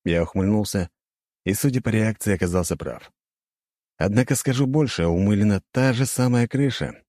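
A man narrating a first-person audiobook in a lively, expressive way. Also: lowish voice, normal speed, no room sound.

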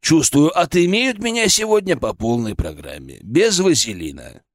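A man's voice: on the high side, big pitch swings, normal speed, no room sound, clean studio sound. A man voicing a sarcastic, nervous, middle-aged male department head who grumbles about his boss. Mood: grumbling sarcastic.

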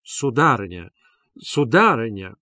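A man doing a stiff pompous gentleman, fawning, overly polite, dry close audiobook sound. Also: mid-range voice, sing-song, slow pace, no room sound, heavily acted. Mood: condescending. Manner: obsequious, sprinkling polite "-s" suffixes.

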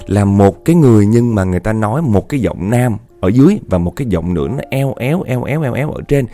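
A man telling a ghost story, animated, repeating words for effect and speaking straight to his listeners. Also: fairly low pitch, fast. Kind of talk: spoken ghost story narration.

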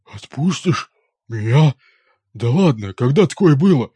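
A man voicing a defeated, distrustful orc king with a growling, hoarse voice. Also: mid-range voice, animated, unhurried, mellow, no room sound. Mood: incredulous. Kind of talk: audiobook character voice.

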